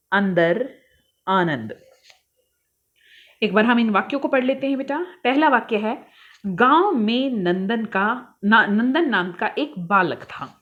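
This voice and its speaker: A woman teacher going through a worksheet with young children, calling them beta and reading each word slowly and carefully. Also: on the high side, lo-fi sound.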